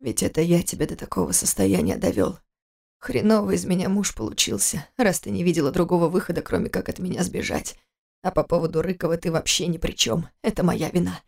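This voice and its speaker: Woman reading a hurt husband, low hoarse quiet voice. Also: lively intonation, fairly quick. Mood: weary stern. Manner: hoarse, slurred. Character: injured man, husband, hoarse and stern.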